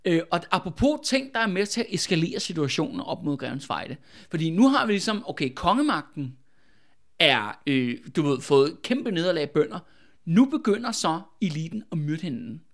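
A man with a high voice, well above the usual male range, leads a relaxed history chat. He tells events as a lively story, peppers his sentences with fillers and little "right?" tags, and bursts into acted-out dialogue. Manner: animated, many fillers and "ikke?" tags. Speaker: podcast host telling history.

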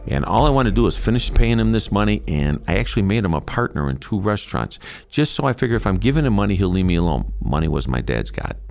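A man's voice: on the low side, very animated, fast talker, gravelly, few pauses, darkish tone. A middle-aged man telling his own story in an interview, acting out the voices of the people in it. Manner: vivid storyteller, acting out dialogue. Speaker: interviewee recounting his past.

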